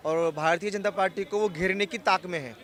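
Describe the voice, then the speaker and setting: A man's voice: sits high, steady tone, brisk, a bit bright. A man interviewing people on a city street, posing probing devil's-advocate questions. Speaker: street reporter. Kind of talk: news vox pop interviewing.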